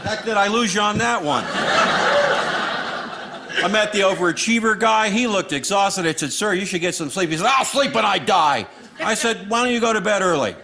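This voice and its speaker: A man's voice: high-pitched, a little fast, crowd noise. An American man from Los Angeles doing a stand-up comedy routine with a sarcastic, dry lilt, recorded live in front of an audience. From Los Angeles, United States. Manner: sarcastic, dry lilting delivery of punchlines. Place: live stage before a laughing audience.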